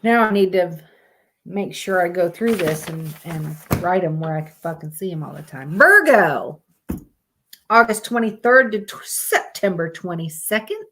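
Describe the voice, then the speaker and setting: Streaming live, a woman reads monthly horoscopes plainly and casually, breaking off with blunt, swearing asides. Her voice is on the low side and fairly bright, at a moderate pace.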